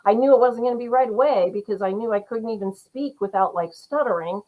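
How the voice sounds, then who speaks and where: A woman's voice: a little high, brisk, narrow, tinny audio. A middle-aged woman, a guest author on a podcast interview, talking in an earnest, rambling way with lots of fillers. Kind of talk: casual interview chat.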